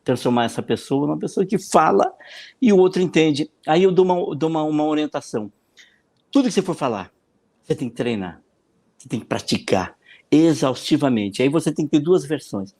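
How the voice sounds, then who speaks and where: A man with a Brazilian Portuguese accent, a consultant answering questions in a podcast interview. He explains in an animated way, often repeating words and acting out the voices of the people he quotes. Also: a little high, fairly quick. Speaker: political consultant and speaking coach.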